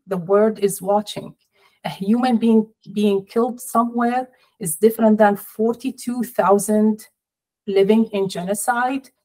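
Measured, sorrowful woman on a video call. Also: medium pitch, warm tone, rough recording. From Palestinian, family in Jordan. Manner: measured, sorrowful, deliberate pauses. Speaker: interview guest, professor. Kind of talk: personal interview. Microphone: laptop or webcam on video call.

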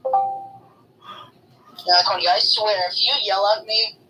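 A woman's voice: mid-range voice, fairly even intonation, slow, sharp tone, soft background music. A woman bossing other players around in casual voice chat during an online game, making mock threats. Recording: distant mic with faint noise.

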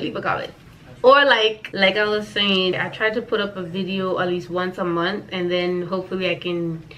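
An American woman in her thirties, with a medium-pitched and somewhat bright voice, vlogs to camera. Her casual, chatty life update is playful, and she repeats phrases for emphasis.

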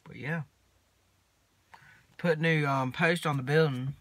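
A teenage boy, rambling casually to his phone camera from inside a parked truck, mumbling in a laid-back drawl with long pauses. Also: a little high, fairly even intonation, fairly bright tone, no echo. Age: teens. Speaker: vlogger. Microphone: phone camera at arm's length.

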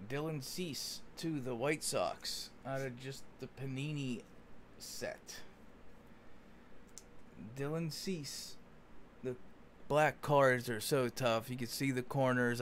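At an indoor table full of cards, a man with a mid-range voice hosts a sports card break, offering easygoing, folksy commentary as he opens packs, as though among friends. A slight hiss or hum can be heard.

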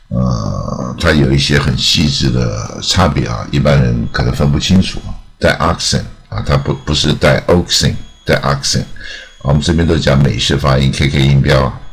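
Very deep gravelly male teacher. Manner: explains slowly and repeats each word, trailing particles on every phrase. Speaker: English pronunciation teacher. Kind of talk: explanatory lesson.

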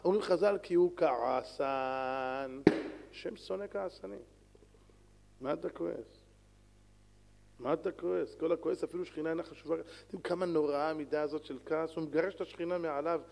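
A man, a rabbi, giving a sermon in an animated, lively way, swinging between loud calls and soft pleading. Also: a little high, creaky. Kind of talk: Torah lecture sermon. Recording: long hall reverb.

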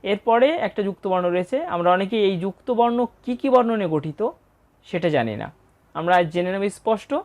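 Woman, patient teacher, mid-pitched voice, spells out each syllable, chants verses slowly. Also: expressive, a little mellow. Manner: patient, breaks words into syllables. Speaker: scripture pronunciation teacher. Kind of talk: explanatory lesson with slow recitation.

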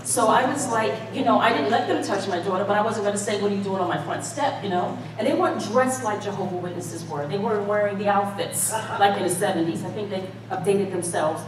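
Talking fast with hardly any pauses, a middle-aged American woman with a mid-range voice preaches directly to her congregation in a folksy, emphatic, conversational sermon featuring call-and-response. She stands on an indoor church stage, recorded by a distant mic in an echoey hall, with audience murmur adding background noise.

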